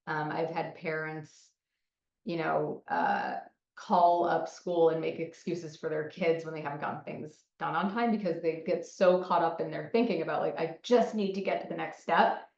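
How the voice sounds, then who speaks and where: A woman's voice: low-pitched, expressive, moderate pace, creaky, a little mellow. A woman presenting a psychology lesson in a conversational style, often checking in with "right?". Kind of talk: recorded presentation. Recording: muffled, echoey, from a distance.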